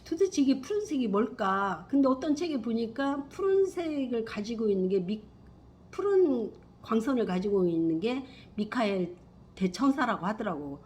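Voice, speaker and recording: A middle-aged woman telling a personal spiritual story in a rambling, emphatic way, swinging from hushed to loud. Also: fairly high pitch, very animated, normal speed. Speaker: spiritual vlogger.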